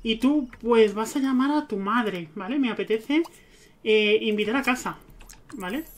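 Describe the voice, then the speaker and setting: A man's voice: high-pitched, measured pace. A man giving casual gameplay commentary, chatting to his game characters. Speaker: let's play gamer.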